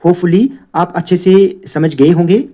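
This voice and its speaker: A man's voice: sits high, unhurried, dark tone. A man teaching a grammar lesson, explaining patiently and often checking in with "theek hai". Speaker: Urdu teacher.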